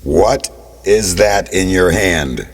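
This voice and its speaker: A man voicing God speaking from a burning bush, with slow, commanding proclamations. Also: deep voice, animated, pitched below the performer's own voice, exaggerated voice. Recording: long reverb, distant from mic.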